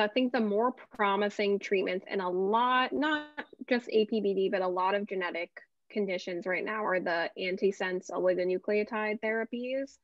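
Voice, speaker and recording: A woman guest speaker patiently explaining genetics to patients on a video call, friendly and quick to laugh. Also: medium pitch, no room sound. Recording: dull, dry video-call audio.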